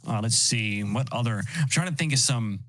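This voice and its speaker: A man's voice: mid-range voice, expressive, moderate pace, fairly bright tone. A man chatting as a livestream guest, enthusiastic and often restarting his sentences. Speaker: guest, host's boyfriend. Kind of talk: casual chat.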